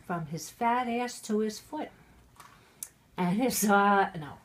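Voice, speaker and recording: A middle-aged mother, very drunk, reads her family a Christmas storybook poem aloud, fumbling words and breaking away for irreverent remarks. She has a medium-pitched, animated voice and a slow pace.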